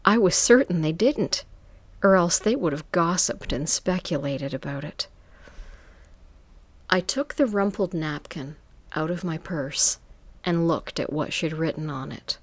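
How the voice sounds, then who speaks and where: A woman reading a first-person story aloud in a calm, even manner with soft hushed touches. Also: deep voice, measured pace, dry recording. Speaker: story reader.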